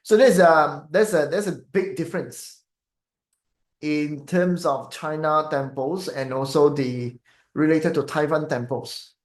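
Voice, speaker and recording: A man's voice: on the high side, unhurried, echoey room. A Malaysian man with a Malaysian English accent, chatting casually to viewers as a feng shui teacher, rambling with many fillers and tag questions. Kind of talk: casual live-stream talk to viewers.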